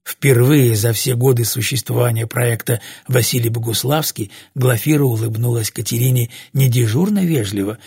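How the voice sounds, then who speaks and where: A man reading an audiobook narration in a measured, even way. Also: medium pitch, vocal fry, slightly rough, dry recording, clean studio sound. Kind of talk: scripted narration.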